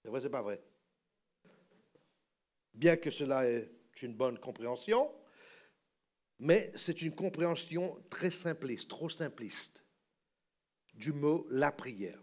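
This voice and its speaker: Delivering a church sermon, this pastor teaches word by word and has the congregation echo him in call-and-response. He speaks at a medium pitch with lively intonation, slowly, leaving long pauses.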